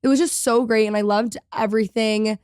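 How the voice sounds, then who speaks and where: A woman's voice: fairly high pitch, steady tone, fairly quick, darkish tone, clear, resonant tone, no room sound, studio quality. A young woman hosting a podcast interview, enthusiastic and gushing, with many "like" fillers. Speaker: podcast host.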